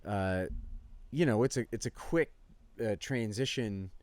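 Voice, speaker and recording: A man co-hosting a casual sports podcast, telling rambling, animated stories between laughs. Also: on the low side, measured pace, dry recording. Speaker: podcast co-host.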